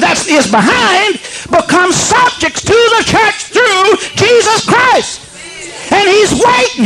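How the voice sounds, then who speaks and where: In a low-quality recording, a man preaches a sermon, swinging from low storytelling to shouted proclamation. He repeatedly asks the congregation whether they understand, seeking their agreement.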